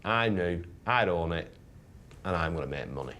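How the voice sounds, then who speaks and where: A man's voice: sits low, lively intonation, normal speed, heavy background noise. A British man, an antiques dealer, talking casually and off the cuff. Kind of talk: casual unscripted talk to camera. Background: background music.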